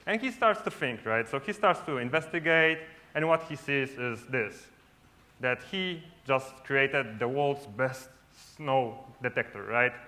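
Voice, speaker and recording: On a large, lit stage, a conference speaker from Poland talks casually, frequently tagging his sentences with "right?", and Polish is his first language. His voice is medium in pitch, expressive and sharp, moving a little slowly.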